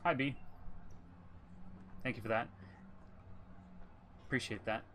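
A man's voice: medium pitch, fairly even intonation, slow, fairly bright tone, slight background noise. A middle-aged man chatting casually on a live gaming stream, greeting and thanking viewers. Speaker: video game streamer.

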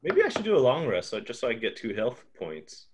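A man's voice: medium pitch, brisk, rough recording. A man playing a board game, chatting casually and thinking aloud about his moves. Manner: relaxed, thinking aloud, chuckles.

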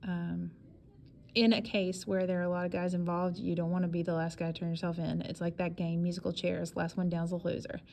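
A blunt male lawyer lays out hard facts in a dry, deadpan way, as a woman reads his lines. The voice is low and flat, with a gravelly texture. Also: a little fast, a little hiss or hum. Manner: deadpan, blunt, matter-of-fact.

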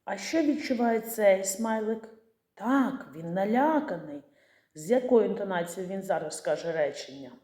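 A woman teacher giving a patient, gentle lesson to young children, asking them questions and answering for them. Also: mid-range voice, expressive, moderate pace, echoey room.

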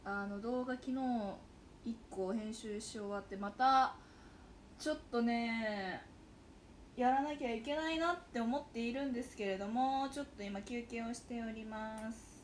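A woman's voice: fairly high pitch, measured pace, slight background noise. A young woman in her twenties with a Hakata dialect accent, chatting casually and animatedly to viewers on a livestream. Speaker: livestream host. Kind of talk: casual livestream chat reading comments.

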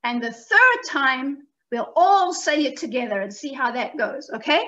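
A woman who writes children's books talks to young listeners in a gentle, simple, expressive way, like a teacher. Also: high voice, a little slow, dull audio. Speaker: children's book author. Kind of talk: talk to children.

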